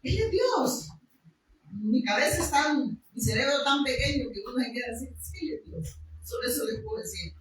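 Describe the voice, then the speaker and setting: Woman giving a sermon, high voice, lots of echo, faint noise behind. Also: big pitch swings, moderate pace, a bit bright. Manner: emphatic, with rhetorical questions and raised passages. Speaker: preacher. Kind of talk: sermon with Bible reading. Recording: echoey room, mic far off.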